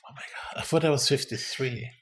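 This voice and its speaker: Expressive fifties man hosting a chat podcast. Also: medium pitch, brisk, slight background noise. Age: 50s. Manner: expressive, sighing and laughing, dramatic exclamations. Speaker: podcast host. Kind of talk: casual chat.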